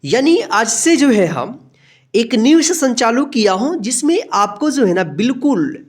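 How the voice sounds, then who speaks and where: A woman with a fairly high voice and a very lively, rising and falling delivery is teaching a beginner alphabet lesson. She is patient and repetitive, draws out each letter sound carefully, and keeps checking that her listeners are following. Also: unhurried.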